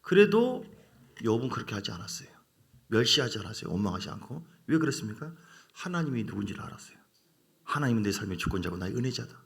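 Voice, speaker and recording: A man preaching a midweek sermon with a gravelly edge to his voice. His pitch swings widely as he questions the congregation and mimics the voices he quotes. He delivers it with animated pulpit energy. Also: fast. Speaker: pastor. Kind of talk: Wednesday evening sermon.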